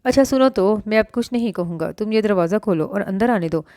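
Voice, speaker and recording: A woman's voice: medium pitch, animated, darkish tone, no room sound, studio quality, natural voice. A woman reading the lines of a blunt, exasperated thirty-three-year-old husband in an audio novel.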